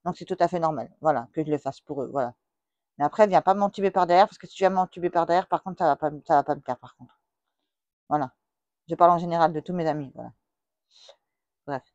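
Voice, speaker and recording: A woman's voice: low voice, fast, long pauses, darkish tone, dry recording, dull audio. Middle-aged woman vlogger, outspoken and rambling, close dry mic. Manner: blunt, chatty, repeats "voilà" often. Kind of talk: casual vlog monologue to subscribers. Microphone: plugged-in microphone that makes her sound loud.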